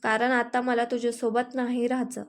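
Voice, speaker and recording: A woman's voice: fairly high pitch, little pitch movement, moderate pace, natural voice. A woman voicing a young male farmer, a hurt but firm husband, in a storybook reading with a raised, scolding delivery. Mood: angry.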